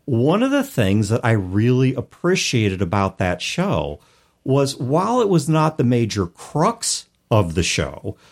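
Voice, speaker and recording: This American podcast co-host's mid-range voice swoops wildly in pitch as he speaks a bit slowly. In a conversational show about role-playing games, he builds his arguments through long, heavily qualified sentences.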